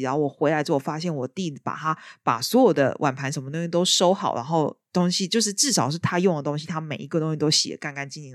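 A woman chatting casually as a podcast host, telling her stories in a lively way. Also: deep voice, no room sound, studio quality. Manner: lively storyteller. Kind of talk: casual chat.

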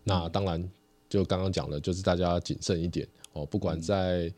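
A man's voice: low-pitched, steady tone, normal speed, darkish tone. A man hosting a podcast, chiming in briefly and then wrapping up with advice. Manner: brief agreeing interjections, then wrap-up remarks. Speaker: podcast host. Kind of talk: casual chat.

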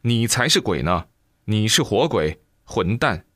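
A man's voice: lowish voice, big pitch swings, unhurried, a bit bright, no echo, studio quality, full character voice. A man voicing an irritable male bystander at a temple who scolds and jeers. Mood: scolding. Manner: scolding, jeering.

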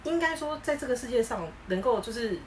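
A woman co-hosting a casual chat podcast, telling stories in a lively way and acting out what people said. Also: a little high, brisk, recorded from a distance, slight background noise, low-quality recording. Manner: animated storytelling, acting out quoted lines. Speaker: podcast co-host.

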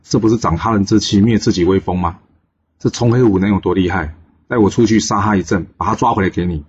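Cocky young warrior guy, defiant and boastful, low husky voice, a man putting him on. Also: fast talker, a little mellow, muffled recording. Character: brash young male warrior, hot-headed.

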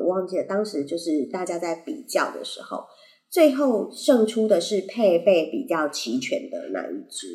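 A woman with a Taiwanese Mandarin accent hosts a casual solo podcast, her voice on the low side with a darkish tone. Braces make her articulation slightly unclear, and she rambles playfully, correcting herself as she goes. She records on a compact condenser mic plugged into a phone, and the sound is roomy and echoey.

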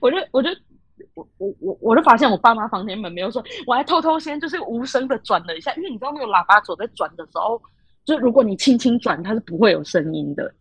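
Animated, husky young Taiwanese woman. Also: a little high, fast talker, no room sound. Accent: Taiwanese Mandarin. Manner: animated, laughs often, acts out quoted voices. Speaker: podcast co-host. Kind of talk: casual storytelling chat.

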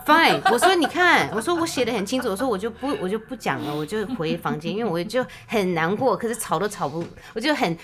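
A woman's voice: mid-range voice, very animated, fast talker, hardly any pauses, a crowd in the background. A woman telling a story in casual chat, switching often between Mandarin and English.

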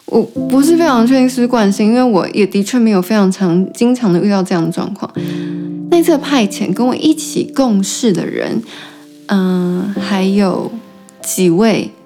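A woman with a Taiwanese Mandarin accent hosts a podcast in a casual storytelling style. Her pitch sits in the middle range for a woman, and braces slightly muddy her articulation. Music plays behind her voice. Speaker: podcast host. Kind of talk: casual solo storytelling chat.

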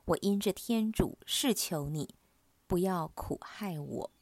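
A woman's voice: fairly low pitch, takes it slowly, no room sound. A woman voicing a tormented man possessed by many demons, pleading urgently in a scripture reading.

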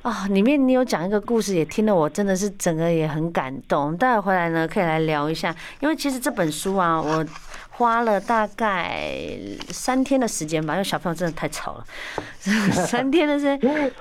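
A woman with a Taiwanese Mandarin accent hosting a podcast, chatty and quick to agree with her guest. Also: medium pitch, big pitch swings, a little hiss or hum. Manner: chatty, warm agreeing with many short backchannels. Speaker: podcast host. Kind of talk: casual podcast interview.

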